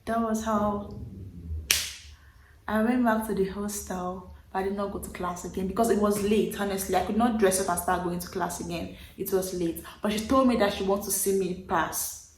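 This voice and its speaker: A Nigerian vlogger in her twenties tells a personal story to camera with a Nigerian accent, casual yet animated and emphatic, repeating words for effect. Her mid-range voice moves at normal speed. The recording has a roomy echo and slight background noise.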